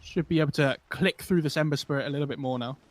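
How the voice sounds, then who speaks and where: A man's voice: on the high side, quick pace, slight background noise. A man giving color commentary on an esports match, rambling through analysis and correcting himself.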